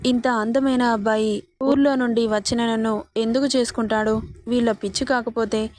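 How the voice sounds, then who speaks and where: A woman's voice: fairly high pitch, steady tone, moderate pace, darkish tone, no echo, close to an everyday voice. A woman voicing a naive, childlike young bride from a village, talking innocently and pleadingly. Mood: wondering.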